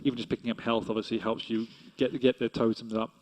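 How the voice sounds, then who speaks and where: Man, esports commentary, analytical, chatty, mid-range pitch. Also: level tone, fast talker, darkish tone, a little hiss or hum, poor audio. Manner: analytical, chatty, laughs easily. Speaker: esports caster.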